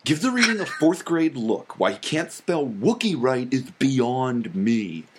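A prissy, indignant comic fan fires off a complaint letter, as a man reads it aloud in a put-on voice. The delivery is mock-pompous and lifted in pitch. It is pitched as a nerdy voice for laughs. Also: big pitch swings, measured pace, slightly rough.

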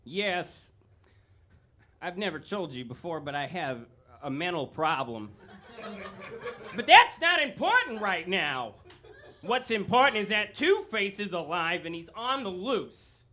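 A man's voice: on the high side, lively intonation, measured pace, long pauses, a bit bright. A man playing an earnest, oversharing, troubled police commissioner in a comedy script reading. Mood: earnest confession. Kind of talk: comedy script read-through.

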